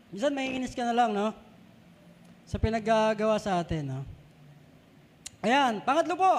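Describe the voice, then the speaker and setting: A man with a Filipino accent preaching a sermon in a conversational way, often putting questions to the congregation. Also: high-pitched. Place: church hall. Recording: long reverb of a church hall.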